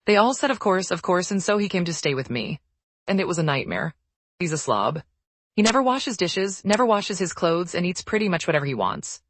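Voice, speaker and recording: Fast-reading woman narrator. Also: fairly low pitch, dry recording. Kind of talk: reading online forum posts aloud.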